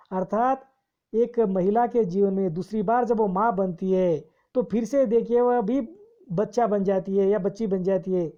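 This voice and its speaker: A woman teaching a poem, reciting its lines slowly and then explaining each one. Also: medium pitch, mellow, dull audio. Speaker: Hindi literature teacher.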